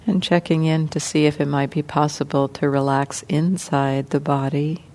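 A woman leads a guided meditation gently and without hurry, leaving long pauses between short phrases. Her voice sits low and her intonation stays fairly even.

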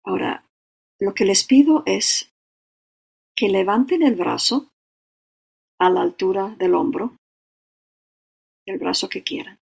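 A meditation teacher giving a dharma talk and leading a guided meditation, slow and halting, often checking in with short tag questions. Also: mid-range voice, vocal fry, husky. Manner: slow, halting, with frequent "¿no?" and "o sea".

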